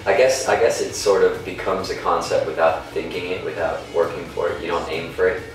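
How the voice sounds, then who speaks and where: A very deep-voiced man rambles loosely through his answers, circling back with restarts and fillers. He sits far from the mic in a very echoey space with music playing behind. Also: fairly even intonation, fairly quick. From Denmark. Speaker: singer. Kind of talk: casual interview.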